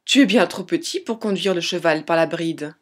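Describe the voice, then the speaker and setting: A woman's voice: lowish voice, normal speed, natural voice. Woman playing a firm peasant father. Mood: amused. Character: poor peasant father, grown man, gruff but loving.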